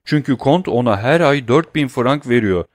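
A man's voice: mid-range voice, animated, normal speed, no echo, clean studio sound, lightly acted. A man voicing a cowardly, scheming thief who whines and pleads in an audiobook reading. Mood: sly. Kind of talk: audiobook character voice.

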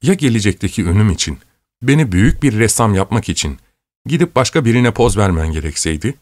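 A man's voice: lowish voice, animated, brisk, darkish tone, no echo, natural voice. Brief: a fervent young painter, lifted and eager, read by a man in a dry close recording. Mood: impassioned. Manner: impassioned, breathless with joy. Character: passionate, excitable young male painter.

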